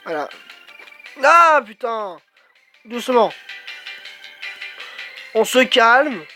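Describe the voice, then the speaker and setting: A man giving let's play commentary, swearing a lot and exclaiming excitedly as he talks to himself. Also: very high voice, very slow, soft background music. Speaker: gamer.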